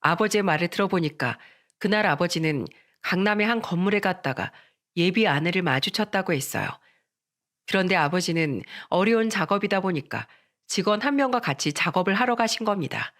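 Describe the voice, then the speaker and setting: A narrator reading a scripted first-person story in a calm, steady way. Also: medium pitch, brisk.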